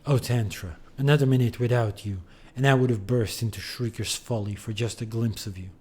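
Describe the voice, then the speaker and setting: A man's voice: medium pitch, a little fast, a little mellow, husky, natural voice. A man reading the lines of a rugged, lovestruck rival gang leader in an overwrought, romantic way.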